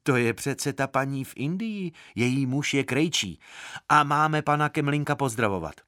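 A man's voice: mid-range voice, expressive, pushed and bright, no room sound, studio quality, voice pushed up. A man voicing a feverish little boy who whines and pleads in a childish way. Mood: chattering.

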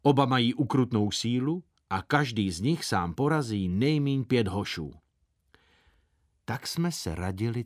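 A man narrating a storybook in a lively, playful voice, with pitch rising and falling freely. His middle-pitched voice carries a light expressive bounce. The recording is dry and close, with no room around it. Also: no echo. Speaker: audiobook reader.

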